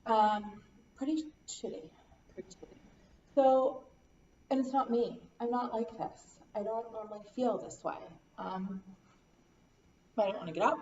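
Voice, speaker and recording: A woman playing a counseling client, talking in a halting, weary, despondent way and repeating herself. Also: a little high, dark tone. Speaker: role-play client in a counseling practice session. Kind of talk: acted counseling role-play. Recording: echoey room, distant dull mic, faint hiss.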